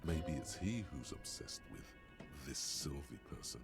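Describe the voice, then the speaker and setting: A grave inner voice of a detective game, dropping each line slowly in a very low register. His tone is rough and gravelly, with a steady gloom. Game music plays clearly behind him. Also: full character voice. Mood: brooding. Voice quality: deep, gravelly, measured. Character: grave male narrator, the hero's inner voice. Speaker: game narrator. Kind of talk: scripted game narration.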